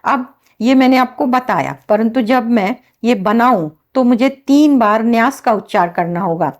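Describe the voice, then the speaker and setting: A woman demonstrating and explaining a healing ritual step by step, in a slow, instructive manner. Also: fairly high pitch. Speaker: healing teacher.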